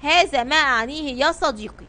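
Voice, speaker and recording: A woman's voice: high voice, fairly quick, pushed and bright. A woman voicing a brave male sea captain in a storybook, speaking with tense command.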